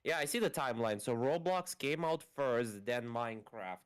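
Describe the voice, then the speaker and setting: A man from Russia on a casual voice call, blunt and informal, quick to correct and prone to swearing. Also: medium pitch, animated, smooth. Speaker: caller.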